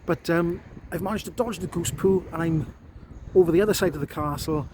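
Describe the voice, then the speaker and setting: A man's voice: fairly high pitch, a little fast, darkish tone, slight background noise. A man with a South Wales Valleys accent, chatting casually to a handheld camera outdoors in an informal vlog style. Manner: chatty, often tags remarks with "look". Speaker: vlogger reviewing an electric bike. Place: outdoors on paths in a park.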